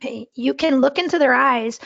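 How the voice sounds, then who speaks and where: A woman's voice: sits high, a little fast, vocal fry, pushed and bright, no echo, dull audio. A middle-aged woman giving an online workshop lecture in a conversational way, checking in with "okay?" and demonstrating tones of voice. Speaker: workshop instructor.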